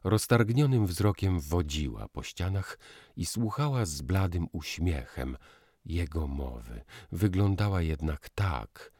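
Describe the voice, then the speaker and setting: A man narrating a novel in a measured, expressive reading. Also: low voice, dry recording, clean studio sound. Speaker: audiobook narrator.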